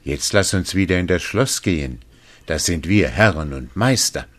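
A man's voice: sits low, sing-song, takes it slowly, voice pushed up, full character voice. A man voicing a small grey helpful little man who speaks in a raised, urgent, commanding tone. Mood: cheerful.

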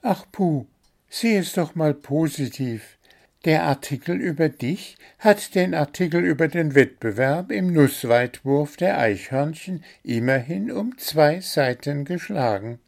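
A small fretful bird, voiced by a man, pipes up high and flustered. The voice keeps a gravelly edge and slow storybook pacing. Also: darkish tone. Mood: consoling. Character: small fretful male bird, chirpy and anxious.

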